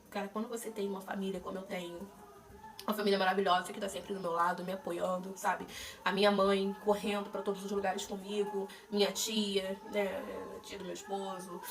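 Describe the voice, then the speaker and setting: A young Brazilian woman with a Brazilian Portuguese accent, openly telling her own story in a chatty personal vlog, with fillers and restarts. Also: medium pitch. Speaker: vlogger sharing her cancer treatment. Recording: voice a bit distant from the mic, faint noise.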